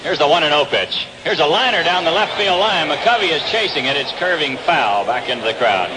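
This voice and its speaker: An American man calls live baseball play-by-play on an old 1960s radio broadcast from an open-air ballpark booth. His voice sits on the high side and sounds animated and fairly quick. The background is noisy.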